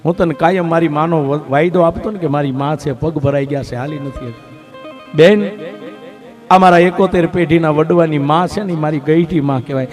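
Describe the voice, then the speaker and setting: A male storyteller voices a poor, humble nomad man who pleads softly and tearfully, with plucked strings behind. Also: on the high side, fairly quick, close to an everyday voice. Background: plucked string music.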